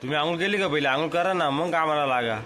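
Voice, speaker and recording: A man vlogging at home, teasing and coaxing a child and dropping to low asides for viewers. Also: quick pace, pushed and bright. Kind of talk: casual family vlog. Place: family home indoors. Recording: noisy home recording.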